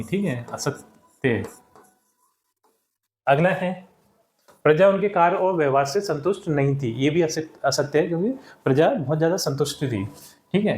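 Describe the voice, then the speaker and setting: A man's voice: a little high, darkish tone, roomy sound. A male teacher patiently walking children through answers step by step in a classroom lesson. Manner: patient, explains step by step, often addresses children.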